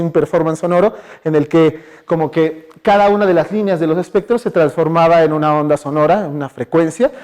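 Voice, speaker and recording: A man with a Mexican Spanish accent gives a relaxed public science talk in a university lecture hall. His voice sits a little high, and he talks in a chatty way, tossing questions to the audience and filling pauses with "eh" and "ajá". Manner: chatty, asks the audience questions, many fillers. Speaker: guest speaker.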